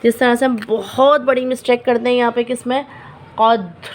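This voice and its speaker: Female recitation teacher, patient, higher-pitched voice, repeats each word slowly, faint background hiss. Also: fairly even intonation. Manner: patient, repeats example words slowly, checks in with "ठीक है". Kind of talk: online lesson explaining recitation rules.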